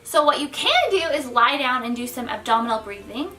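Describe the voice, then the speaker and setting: Bright high-voiced young woman vlogging. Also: sing-song, brisk, distant mic, soft background music. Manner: chatty, often corrects herself mid-sentence. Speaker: vlog host. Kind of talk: casual advice vlog.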